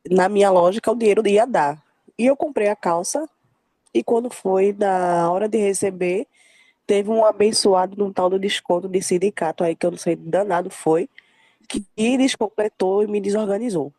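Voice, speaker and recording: A woman's voice: mid-range voice, no echo. A young woman sharing a faith testimony, acting out the voices of the people in her story. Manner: lively storytelling, acting out quoted dialogue. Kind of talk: emotional faith testimony in a group call.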